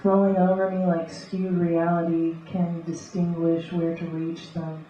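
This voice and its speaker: A woman reading beatnik spoken-word poetry live, in rhythmic, deliberate, short clipped phrases. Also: lowish voice, monotone, mellow. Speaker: poet and conceptual artist. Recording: echoey live room, distant muffled mic, faint noise.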